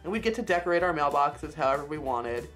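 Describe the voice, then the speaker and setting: A woman's voice: low voice, expressive, quick pace, a bit bright, soft background music. A young woman chatting to her viewers while doing her makeup at home, confiding and talking straight to camera. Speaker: beauty vlogger. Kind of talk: casual makeup tutorial chat.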